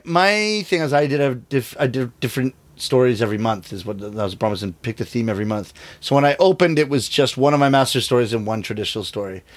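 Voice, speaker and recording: The medium-pitched voice of a middle-aged rakugo storyteller comes through with no room sound during a casual interview. Animated throughout, he acts out quoted voices as he tells his stories.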